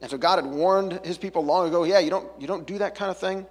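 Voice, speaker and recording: Husky pastor in a reverberant hall. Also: male voice, high-pitched, fast. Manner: chatty, self-interrupting, jokey asides. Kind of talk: conversational sermon.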